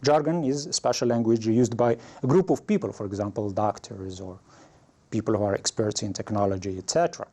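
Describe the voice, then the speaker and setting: A man teaching an English lesson, explaining situations slowly and raising his pitch when he reads example phrases. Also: mellow.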